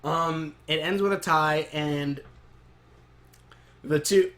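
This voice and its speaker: A man casually reviewing a cartoon episode to camera in a rambling, excitable way. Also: a little high, slow pace. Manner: rambling, excitable recap with frequent laughs.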